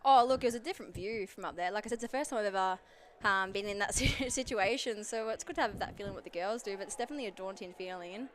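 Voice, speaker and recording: A woman's voice: mid-range voice, fast talker. A woman player giving a post-match interview, modest and hesitant with many ums.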